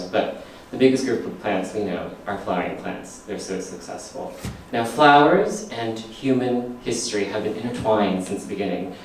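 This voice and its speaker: A man hosts a live comedy science show before an audience on a theater stage, playful and laughing often. His voice sits on the low side with a little hiss or hum, and the recording is distant and echoey, as if captured from far back in the theater.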